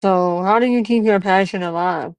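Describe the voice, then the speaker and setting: In a casual interview-style podcast, a twenty-something host earnestly encourages listeners while recounting his early days as a barber. He speaks at a moderate pace in a high, creaky voice, captured with a clean tone and no echo.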